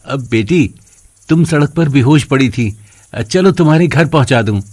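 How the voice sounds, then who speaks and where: A man's voice: medium pitch, animated, moderate pace, a little mellow, no room sound, close to an everyday voice. A man voicing a kind, poor laborer in a cartoon, reassuring and generous.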